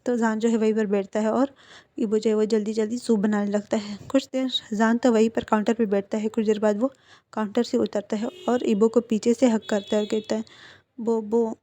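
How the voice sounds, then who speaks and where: A woman's voice: a little high, mellow, no echo. A woman narrating a romance story in a chatty, casual retelling. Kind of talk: casual fan-fiction narration.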